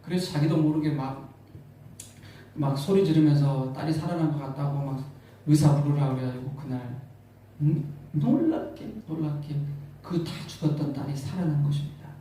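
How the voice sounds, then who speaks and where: A man's voice: fairly high pitch, normal speed, far from the mic, slight background noise. Man preaching in an echoey church hall. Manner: emotional storytelling, repeats words, swells loud on key lines. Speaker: pastor. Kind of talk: sermon. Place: church sanctuary.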